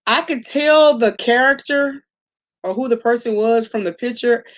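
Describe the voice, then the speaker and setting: At normal speed, a woman with a slightly high voice talks over audio that has its highs cut off. She hosts an online commentary channel, and her casual reaction vlog is gossipy, salty with slang, and full of check-ins with the listener.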